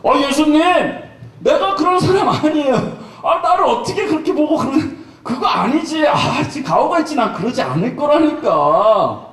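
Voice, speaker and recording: A man doing a boastful male disciple who protests high and fast, his voice leaping about as he insists he is not that kind of man. It rings through a roomy church hall, heard from a distance. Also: big pitch swings, a bit bright, full character voice. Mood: indignant. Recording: echoey church hall from far off.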